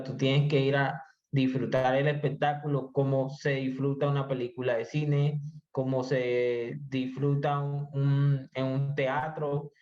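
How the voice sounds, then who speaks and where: A man as an interview guest, explaining his views in a measured way, with frequent hesitations. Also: medium pitch. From Colombia. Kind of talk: conversational podcast interview. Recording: slightly muffled audio.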